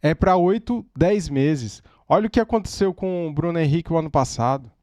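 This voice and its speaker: A man's voice: a little high, lively intonation, fairly quick, a little mellow, dry recording, clean studio sound. A man with a Brazilian Portuguese accent, hosting a fan reaction channel from home, talking in an agitated, exclaiming way. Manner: agitated, exclaiming, repeats "cara". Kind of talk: emotional fan reaction commentary.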